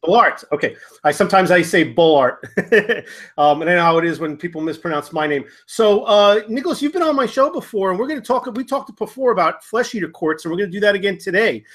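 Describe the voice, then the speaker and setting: A man's voice: sits high, animated, quick pace, fairly bright tone. A man hosting a tabletop gaming talk show, asking questions with many fillers and restarts. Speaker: podcast host. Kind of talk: casual hobby gaming discussion.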